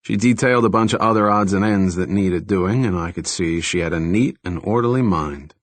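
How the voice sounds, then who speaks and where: Low-voiced man narrating a thriller audiobook. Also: no echo. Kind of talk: first-person audiobook narration.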